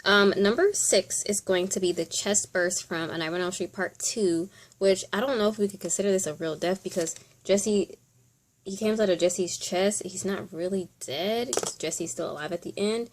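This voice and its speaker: A woman presents a top ten countdown as casual commentary. Her voice sits at an average pitch, and she talks informally, thinking aloud as she goes through her picks. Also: normal speed, a little hiss or hum. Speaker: video host.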